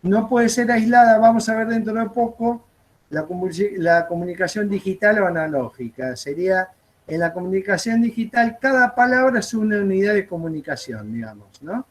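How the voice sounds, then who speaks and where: High-voiced Argentine man lecturing. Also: lively intonation, moderate pace. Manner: chatty storyteller, frequent "este" fillers. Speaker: aviation course instructor. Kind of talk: classroom lecture with anecdotes.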